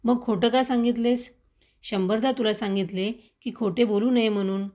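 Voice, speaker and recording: A woman's voice: fairly high pitch, fairly even intonation, moderate pace, a little mellow, natural voice. Strict dad demanding answers, voice going up, as a woman reader does him. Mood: angry. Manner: raised, demanding voice. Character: strict father, angry then gentle.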